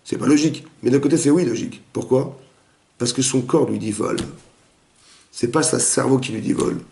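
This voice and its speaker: A man, a rabbi, giving a lively interactive Torah class, quizzing his students and acting out the dialogue. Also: mid-range voice, a little fast, creaky, a little hiss or hum. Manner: animated, questions the students, acts out dialogue. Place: echoey room with students. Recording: roomy echoey room recording.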